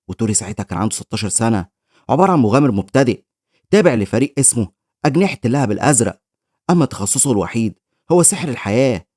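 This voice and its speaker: A man with an Egyptian accent races through a story recap at a very fast, even clip. His voice sits at a middle pitch, and the recording is close and dry. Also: no room sound. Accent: Egyptian Arabic. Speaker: manhwa recap narrator.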